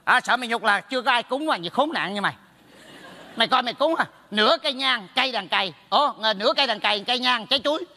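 An actor in a stage comedy sketch playing a meddling neighbor who teases in quick, mocking bursts and speaks with a Southern Vietnamese accent. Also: male voice, very high-pitched, lively intonation, sharp tone, in a large hall, exaggerated voice. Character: meddling, teasing male neighbor.

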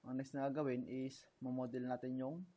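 Man, Filipino accent, software tutorial voice-over, step-by-step, methodical. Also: mid-range voice, fairly quick, low-quality recording. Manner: steady step-by-step narration of clicks, mixing Tagalog and English. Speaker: engineering software instructor. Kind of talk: screen-recorded software tutorial. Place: indoors at a computer, voice-over of screen capture.

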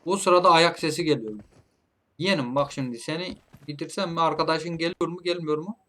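A man commentating his own mobile shooter gameplay, playfully taunting opponents and calling them nephew, with bursts of loud shouting. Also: a little high, a little fast, slight background noise. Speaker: gameplay streamer. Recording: game gunfire loud behind voice. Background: gunshots and clicks from the game.

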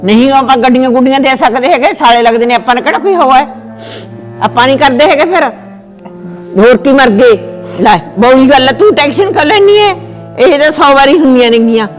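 A woman's voice: high-pitched, lightly acted. A woman playing a fussing village grandmother. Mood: soothing. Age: older. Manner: scolding yet soothing, brisk village talk. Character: old grandmother, fussing and protective. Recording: long echoing reverb, faint music bed.

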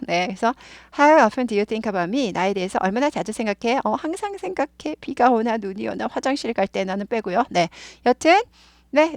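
A woman teaching English sentences, patiently explaining grammar and slowly repeating the example sentences. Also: fairly high pitch, dry recording, studio quality.

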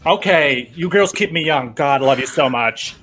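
A man's voice: on the high side, lively intonation, normal speed, a bit bright, slight background noise. A man playing an overeager middle-aged mother who tries too hard to be hip, in a comedic script reading. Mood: gushing.

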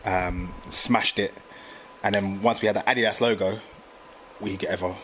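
A man, telling stories in a slangy, animated casual chat full of fillers. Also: lowish voice, normal speed, a little hiss or hum. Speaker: graphic designer guest.

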